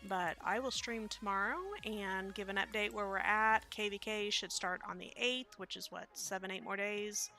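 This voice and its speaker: While live-streaming a game, a Midwestern American woman chats loosely and rambles, dropping in many fillers. She speaks at normal speed with few pauses, in a mid-range voice with fairly even intonation and a sharp tone, over soft background music.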